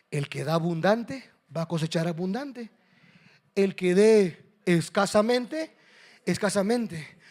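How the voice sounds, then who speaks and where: Man, pastor, sermon, high-pitched voice, loud calls and hushed asides. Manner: dynamic preaching, swings between loud calls and hushed asides.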